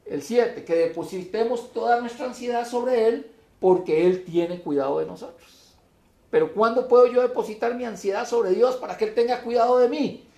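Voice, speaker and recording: A man preaching a sermon, his voice high, gravelly and mellow in tone. He speaks emphatically and swells into loud declamation when he reads scripture. The room around him is echoey. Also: moderate pace.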